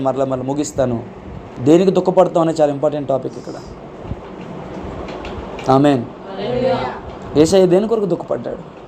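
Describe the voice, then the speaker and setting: A man preaches with passion, and his fairly high voice climbs higher for pleading, repeated questions. He keeps calling out hallelujah and amen to his congregation. A faint hiss of noise sits under the recording. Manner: fervent, rising to high emphatic questions; calls out hallelujah and amen often. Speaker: pastor. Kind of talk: sermon. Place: church.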